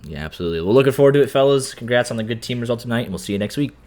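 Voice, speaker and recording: A man's voice: mid-range voice, lively intonation, very fast, darkish tone. A man broadcasting post-race interviews with sim racing drivers, chatty and full of fillers. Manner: chatty, filler-heavy, stumbles and laughs.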